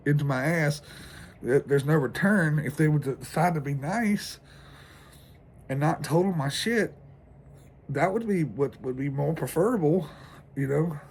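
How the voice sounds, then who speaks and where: A man's voice: a little high, slight background noise. A man venting in a rambling, stressed vlog monologue, sleepless and shivering outdoors in the cold, swearing a lot. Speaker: vlogger.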